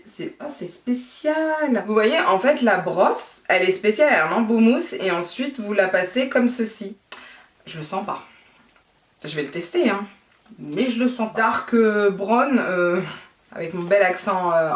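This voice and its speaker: Chatty enthusiastic lady showing off beauty buys, kinda far from the mic, roomy echo. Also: mid-range voice. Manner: chatty, enthusiastic, rambling with self-corrections. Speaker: beauty vlogger. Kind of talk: casual product haul chat. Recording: echoey room, voice away from the mic.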